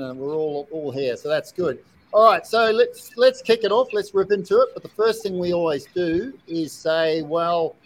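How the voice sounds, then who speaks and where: A man's voice: on the high side, poor audio. An Australian man hosting a casual live online chat show from his shed.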